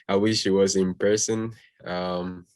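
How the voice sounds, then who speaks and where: A young man speaks as a student guest. His voice sits very low and stays level, and his manner is calm and courteous. The sound is dry and close, like a video call. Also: slow pace, dry recording. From Gambia. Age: young adult.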